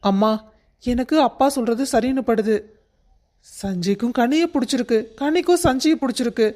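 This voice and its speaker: A reasonable young son in a cartoon family drama, gently persuading his mother in a fairly high voice, voiced by a man. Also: normal speed.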